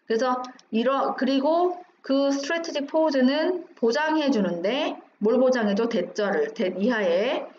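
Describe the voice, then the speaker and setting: A woman's voice: sits high, lively intonation, slow, hardly any pauses, a little mellow. A woman teaching English, going through an exam passage line by line, asking questions and answering them herself. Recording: dull roomy recording with faint hum.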